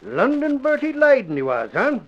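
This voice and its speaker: A man's voice: extremely high pitch, wildly swooping pitch, normal speed, exaggerated voice. An actor playing a chatty newsroom man explaining a case in a vintage radio drama. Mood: eager, explaining. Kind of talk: 1930s-40s radio drama acting. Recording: dull old radio recording.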